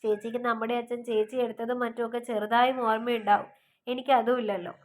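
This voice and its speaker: A woman's voice: fairly high pitch, flat delivery, fast, close to an everyday voice. A woman voicing a teasing young woman who talks in a sad, reflective way about missing her father. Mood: wistful.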